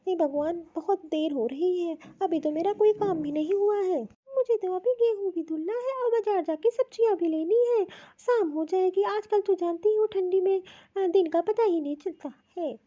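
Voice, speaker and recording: Cartoon: woman doing a scolding old mother-in-law, very high mellow voice, lo-fi sound. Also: normal speed, hardly any pauses. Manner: scolding, complaining. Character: fussy older mother-in-law, busy, scolding.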